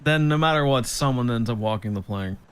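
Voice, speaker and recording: A man's voice: mid-range voice, a little fast, fairly bright tone, smooth. A man presiding as judge in a game role-play, playful and self-mocking as he reads out charges.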